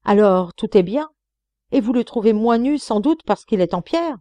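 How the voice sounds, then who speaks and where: A woman reading an audiobook and voicing a spiteful, intolerant nun who speaks in a shrill, scandalized, hissing way. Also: very animated, moderate pace, warm tone, no room sound. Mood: indignant.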